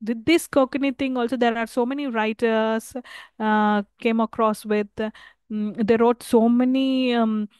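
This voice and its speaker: A woman with an Indian accent gives a recorded university lecture in a slightly high, smooth and resonant voice. She explains haltingly, correcting herself and checking in with "okay". The sound is dry and close. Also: fairly even intonation, a little mellow, no room sound. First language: Telugu. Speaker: English lecturer.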